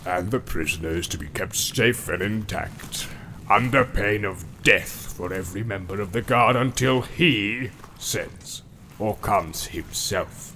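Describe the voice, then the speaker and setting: A man voicing a snarling, brutal male orc captain with a growling, gravelly voice. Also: fairly low pitch, a little slow, bright, forceful tone, slight background noise, voice pushed down. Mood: stern.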